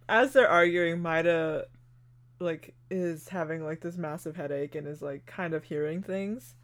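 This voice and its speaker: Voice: medium pitch, a little slow, fairly bright tone. A podcast co-host in casual chat, retelling an anime episode step by step with lots of fillers like "like" and "you know". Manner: narrates plot steadily with fillers like "like" and "you know".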